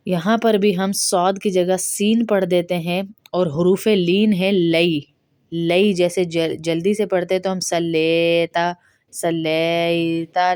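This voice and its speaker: A woman with a Pakistani Urdu accent teaching pronunciation, explaining quickly and then reciting each phrase slowly as a model. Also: lowish voice, darkish tone, no echo, studio quality. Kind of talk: step-by-step pronunciation lesson.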